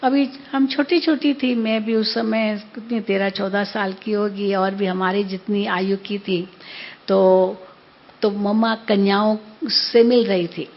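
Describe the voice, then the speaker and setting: Older lady in her 70s teaching a spiritual class, super slow and gentle, keeps asking if you follow, kinda muffled lo-fi sound. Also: mid-range voice, fairly even intonation. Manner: gentle, unhurried, checks in with listeners. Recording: dull lo-fi recording.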